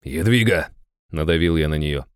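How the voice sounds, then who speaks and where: A man narrating a first-person fantasy audiobook in an even, measured way, close to the mic. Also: low-pitched, clear, resonant tone, no echo.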